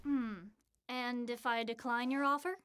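A woman voicing a friendly, eager young male demon in an animated short, chatty and stammering when flustered. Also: a little high, measured pace, a little hiss or hum. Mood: curious.

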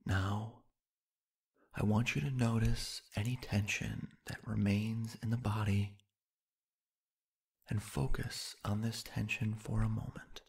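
In a hushed, calming tone, a man with a fairly low voice leads listeners through sleep hypnosis. He stays level and breathy, pausing long and without hurry.

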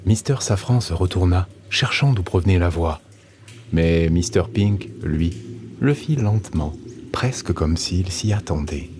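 A man narrating an audiobook in a steady, measured storytelling manner. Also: sits low, background noise.

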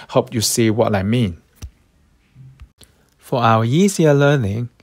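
A man with a Cantonese accent leading an online music workshop, explaining slowly and singing short melodies as examples. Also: medium pitch. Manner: slow, careful explaining, sings short melodies. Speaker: workshop leader.

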